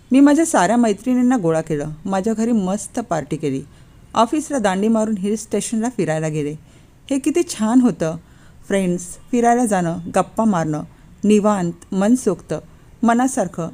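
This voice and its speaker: A woman's voice: medium pitch, mellow. A woman narrating a first-person story, lightly acting out the quoted lines.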